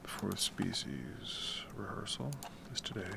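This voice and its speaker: Speaking a little slowly with vocal fry, a deep-baritone man chats and rambles while composing music on a late-night stream from his home room. His manner is relaxed, with casual swearing, and he keeps things quiet. Noticeable background noise, typing included, can be heard.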